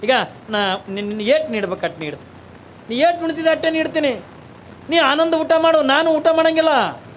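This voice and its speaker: A man's voice: extremely high pitch, expressive, normal speed, a little hiss or hum. A man voicing a poor, grieving village woman who pleads humbly with a holy man. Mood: pleading.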